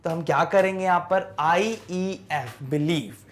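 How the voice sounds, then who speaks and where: A male teacher with a high voice walks students through spelling. He asks question after question and answers each one himself. He stretches words out slowly, syllable by syllable. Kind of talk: explaining English spelling in a class lesson.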